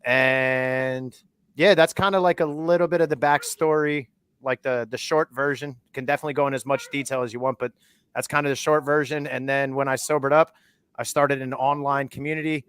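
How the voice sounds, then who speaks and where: A man in his thirties, a podcast guest, telling his story in a candid, measured way with many fillers. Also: medium pitch, steady tone, a bit bright, clear, resonant tone, dry recording. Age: 30s. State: holding a baby on his lap. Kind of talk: casual chat.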